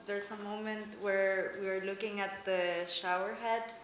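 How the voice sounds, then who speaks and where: A woman's voice: medium pitch, fairly even intonation, unhurried. A woman student giving a spontaneous answer in class. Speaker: student in the audience. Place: large lecture theatre. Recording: echoey hall, faint background noise.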